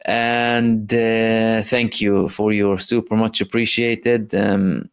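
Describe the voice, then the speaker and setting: Emphatic low-voiced male live host. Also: level tone, slow pace, smooth, no echo, studio quality. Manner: emphatic and impassioned, with frequent fillers. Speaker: livestream host reading viewer messages. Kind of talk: live commentary and viewer chat.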